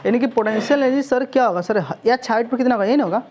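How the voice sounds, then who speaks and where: With a very high-pitched, slightly mellow voice delivered at rapid-fire speed, a male physics coaching teacher teases and chats his way through a class lecture. He keeps checking whether students follow, frequently tossing in "sir" and check questions.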